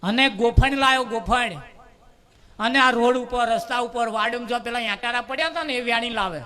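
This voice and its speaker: A man preaching at a devotional gathering. He tells a folk parable in an animated way and repeats words for rhythm. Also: extremely high pitch, normal speed. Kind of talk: storytelling sermon at a devotional gathering.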